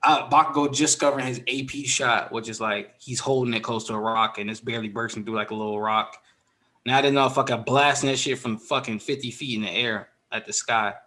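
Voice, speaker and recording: Fast-talking, blunt, slangy man. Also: medium pitch, steady tone, bright, forceful tone. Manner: blunt, slangy, swears freely. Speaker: podcast co-host. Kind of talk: casual chat.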